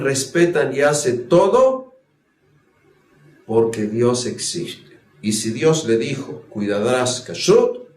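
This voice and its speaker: Hombre, conferencia de historia, entonación muy animada, sala con eco. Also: male voice, mid-range voice. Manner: animated storytelling, acting out dialogues. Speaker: history lecturer. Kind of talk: lecture to a group. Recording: roomy echo.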